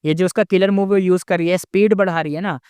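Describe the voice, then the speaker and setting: A man's voice: high-pitched, steady tone, fast talker, darkish tone, smooth, no room sound, lightly acted. A man voicing a proud young woman rival whose inner thoughts sound anxious and frustrated, read as part of a casual story retelling.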